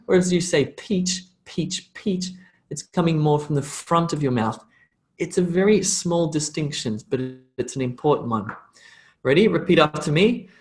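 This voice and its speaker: An Australian man's lively, highish voice carries a live online pronunciation lesson as he drills English phrases, slowing them for the learner to repeat.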